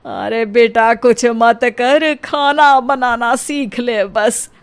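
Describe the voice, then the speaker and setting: A woman's voice: fairly high pitch, very slow, clear, resonant tone. A woman voicing a proud, bossy middle-aged mother-in-law in a cartoon story, scolding and boasting.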